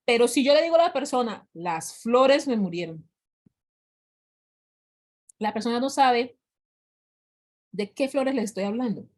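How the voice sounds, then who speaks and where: A woman's voice: fairly high pitch, expressive, darkish tone. Patient woman teaching an English class. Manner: patient, repeats examples slowly. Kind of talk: online class explanation.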